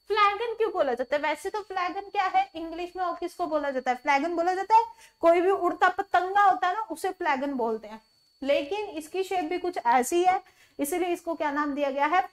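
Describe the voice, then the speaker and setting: A woman's voice: very high-pitched, lively intonation, moderate pace. A woman teaching an online vocabulary lesson, mixing Hindi with English words, who keeps asking the viewer questions and then answers them herself.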